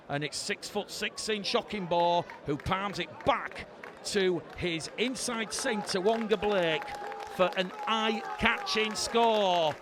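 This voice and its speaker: A man giving live rugby league commentary, calling the play and rising to excited shouts when points are scored. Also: sits high. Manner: rises to excited shouting on scoring plays. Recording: loud crowd and stadium noise. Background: crowd noise.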